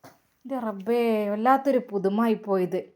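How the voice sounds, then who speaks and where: A woman's voice: mid-range voice, unhurried, darkish tone, natural voice. A woman voicing a grieving old mother, lilt. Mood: lamenting. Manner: pleading, lamenting.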